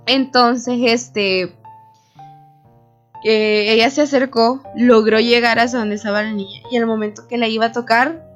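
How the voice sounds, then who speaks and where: A young woman telling a spooky story in a casual, animated chat, filling her talk with "o sea". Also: on the high side, a little slow. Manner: animated, many fillers like "o sea". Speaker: radio show team member telling a story. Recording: dull lo-fi recording with faint music.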